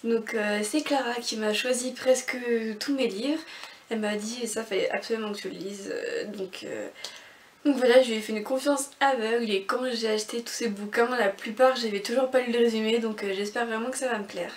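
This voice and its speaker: A woman's voice: on the high side, steady tone, normal speed. A young woman chatting casually through a book haul vlog, rambling with lots of fillers. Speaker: book vlogger. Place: bedroom with bookshelf and mirror. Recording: echoey room, from far off the mic.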